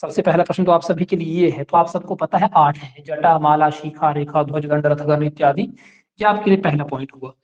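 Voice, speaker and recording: Male teacher, high pitch, patient step-by-step exam-prep lecturing, muffled lo-fi recording. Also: fairly even intonation, normal speed, a little mellow. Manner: explains step by step and checks that students follow.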